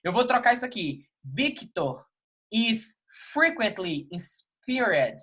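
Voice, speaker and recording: Brazilian male teacher, patient explainer, repeats and checks in often, reads examples slowly. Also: high-pitched, sing-song, a bit bright, slightly rough. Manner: patient, repeats key words and checks in with "ok? tá? beleza?"; reads English example sentences slowly, then translates them. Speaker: English teacher. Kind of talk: recorded classroom lesson.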